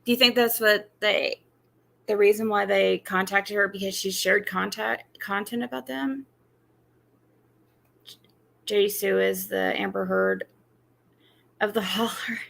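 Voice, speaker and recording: A woman's voice: mid-range voice, lively intonation, unhurried, creaky, long pauses, fairly bright tone. A woman giving casual live commentary, thinking aloud as a host.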